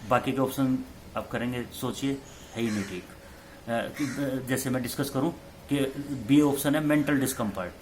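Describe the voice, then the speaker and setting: A male teacher with a medium-pitched voice lectures at normal speed on exam questions, walking students through multiple-choice answers. He repeats key terms and slips in English phrases, with a little hiss or hum in the audio.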